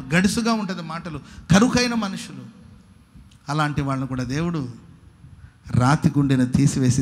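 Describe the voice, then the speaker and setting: A man preaching a sermon as pastor, repeating his words for emphasis and leading the congregation to read verses back after him. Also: high-pitched. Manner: emphatic repetitive preaching, leads congregation in reading verses aloud.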